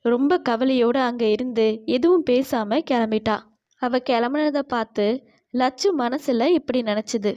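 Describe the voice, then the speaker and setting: A woman narrating a cartoon storybook in a calm, even storytelling way. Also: a little high, measured pace, lo-fi sound.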